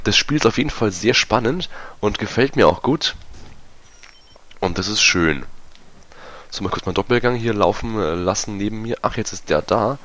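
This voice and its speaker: A man giving casual, self-mocking commentary over a multiplayer match, his voice going hoarse. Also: on the low side, expressive, moderate pace, pauses often, a bit bright. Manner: chatty, self-mocking, many fillers. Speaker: gaming YouTuber. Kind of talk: casual let's-play commentary.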